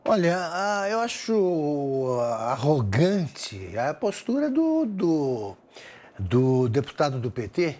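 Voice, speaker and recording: A male political commentator with a high voice that swings widely in pitch. He talks with scornful indignation and presses rhetorical questions. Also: huge pitch swings, takes it slowly, darkish tone. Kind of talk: heated opinion commentary.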